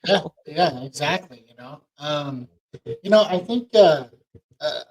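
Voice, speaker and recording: Middle-aged male podcast co-host, somewhat high voice, casual and halting. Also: animated, a little mellow, poor audio. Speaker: podcast co-host, mortgage lender.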